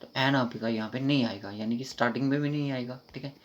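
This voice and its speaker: A man with a Kashmiri accent teaching an online English grammar lesson, explaining quickly and informally and reading the English sentences out slowly. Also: medium pitch. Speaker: exam prep teacher. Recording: dull lo-fi recording.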